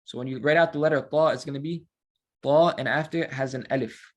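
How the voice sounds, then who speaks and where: A man teaching Quran recitation in a relaxed class, talking casually and stretching out syllables to show how they are chanted. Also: medium pitch, muffled recording. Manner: explains slowly, models drawn-out recited syllables.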